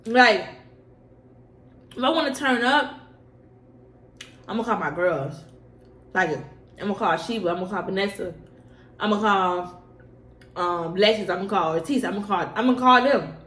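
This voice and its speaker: Mid-range and fairly bright, this young woman's voice moves at a measured pace with long pauses. In her casual mukbang chat she answers personal questions informally, using slang and repeating herself for emphasis, in an echoey room with faint background noise.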